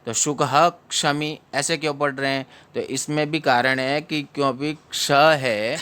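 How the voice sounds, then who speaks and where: A man teaching recitation, sounding out syllables slowly and explaining briskly. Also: fairly high pitch, fairly even intonation, pushed and bright, clear, resonant tone. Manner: chants verses slowly in a melodic tune. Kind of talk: recitation lesson.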